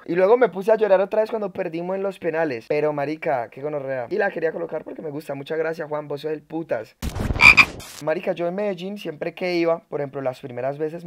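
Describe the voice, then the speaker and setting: A young man with a Colombian accent, telling a story on a stream in slangy, profane casual chat that swings between loud excitement and low mumbling. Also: highs cut off.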